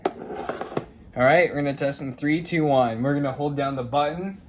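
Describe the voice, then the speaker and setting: A man with a slightly high voice speaks at a measured pace, hosting a radio unboxing video. His narration is casual and showy, the way a hobbyist presenter announces each step. The room recording is noisy, with ambient hiss.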